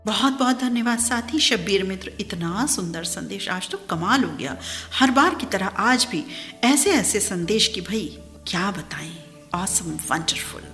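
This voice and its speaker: A woman's voice: medium pitch, a bit bright, big-room sound. Heartfelt woman radio host reading messages. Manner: heartfelt, repeats phrases for emphasis. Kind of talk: warm emotive radio talk, reading messages aloud. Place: radio studio.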